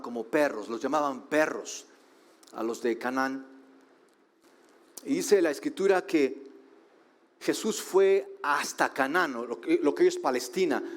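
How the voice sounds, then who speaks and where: Brief: preacher, slightly high voice, sermon delivery, questions to the crowd. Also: male voice. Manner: rhetorical questions, shifting slow emphasis and quick asides. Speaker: pastor.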